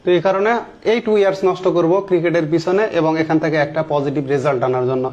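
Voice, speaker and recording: A man in his thirties giving an online English grammar lesson. He explains step by step, asks the class questions and repeats key words, slowly spelling out English example sentences. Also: on the high side, darkish tone, dull audio. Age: 30s.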